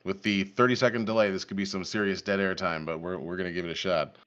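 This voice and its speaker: A low-voiced man hosts a live stream and reacts to clips. He talks casually, laughs a lot and swears now and then. The sound is dull and lo-fi. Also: fairly even intonation, quick pace, fairly bright tone, clean tone. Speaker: podcast host.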